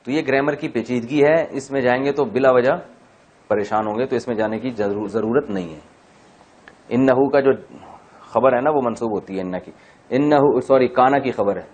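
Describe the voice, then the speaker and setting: A man teaching Quran grammar in a class, explaining step by step, asking and answering his own questions, and chanting verses slowly. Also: medium pitch, darkish tone. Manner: chanted slow Arabic verse recitation. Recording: dull lo-fi recording.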